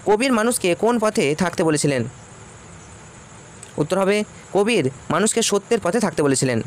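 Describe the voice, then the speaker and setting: A man talks fast and high as he works through exam questions. He reads each question, then states and repeats the answer for students. Faint traffic noise runs behind him. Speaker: teacher.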